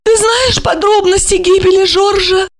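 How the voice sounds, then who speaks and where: A woman's voice: extremely high pitch, steady tone, moderate pace, pitched above the performer's own voice. A woman voicing a rich widowed woman who is theatrical and self-pitying, talking in an affected way with sighs and exclamations. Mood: agitated.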